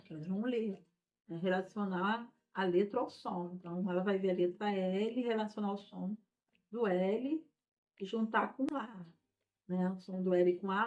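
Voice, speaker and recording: A woman's voice: mid-range voice, a little mellow. A woman teacher explaining a lesson patiently, often checking in with her listeners as she goes. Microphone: recorded without a microphone. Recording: dull lo-fi sound without a microphone.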